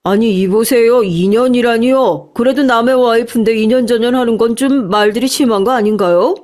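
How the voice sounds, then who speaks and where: A woman's voice: on the high side, a little fast, darkish tone, natural voice. A woman voicing a husband protesting insults to his wife, in a radio story. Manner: protesting, reproachful.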